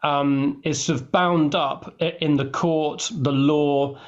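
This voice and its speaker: Halting male interview host, slightly high. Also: fairly even intonation, lo-fi sound. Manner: halting, restarts often when asking questions. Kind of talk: scripted intro then casual interview.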